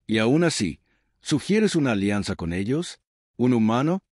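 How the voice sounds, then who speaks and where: A man's voice: medium pitch, very animated, normal speed, darkish tone, no room sound, studio quality. A man voicing a huge scarred alien general, proud and defiant, in a sci-fi story reading.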